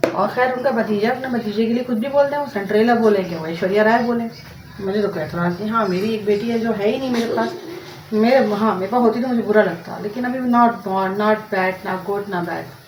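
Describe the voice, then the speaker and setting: A woman's voice: mid-range voice, a little fast. A woman chatting and rambling in a casual home vlog while she cooks, tossing in English words. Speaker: home vlogger. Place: home, cooking in the kitchen. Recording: roomy, distant mic with noisy background.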